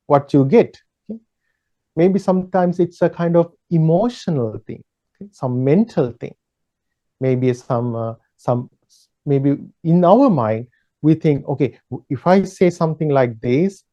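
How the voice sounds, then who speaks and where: A man who is a Buddhist monk, teaching a slow, measured dharma talk in a gentle, repetitive way with pauses and fillers. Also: fairly high pitch, lo-fi sound.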